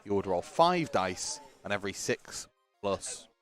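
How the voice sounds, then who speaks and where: A man's voice: lowish voice, animated, unhurried, fairly bright tone, faint music behind. A man giving casual live-stream commentary on a tabletop game, chatty and joking while he sorts out the stream.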